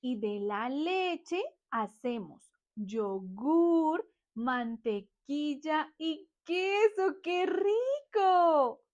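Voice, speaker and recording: A young woman with a high voice leads a cheerful lesson for small children. She speaks slowly and in an exaggerated sing-song, stretching her words and sometimes imitating animal sounds. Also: animated, darkish tone, lo-fi sound. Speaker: children's teacher.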